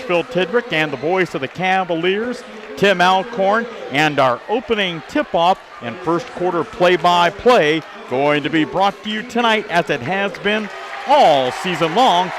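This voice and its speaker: With a high voice and background noise around him, a man delivers a live pregame sports broadcast with sponsor reads for local radio, sounding like an announcer. The setting is an indoor high school basketball gymnasium full of crowd noise and bouncing balls.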